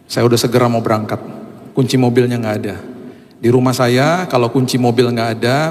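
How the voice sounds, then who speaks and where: A man's voice: medium pitch, a little mellow. A male pastor, telling a humorous, conversational story as a sermon in a church hall. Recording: reverberant hall, faint ambience.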